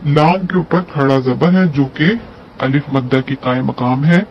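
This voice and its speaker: A man's voice: medium pitch, a little slow. A man teaching a lesson on Quran recitation, explaining step by step and drawing out syllables to demonstrate. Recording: dull lo-fi audio with faint hiss.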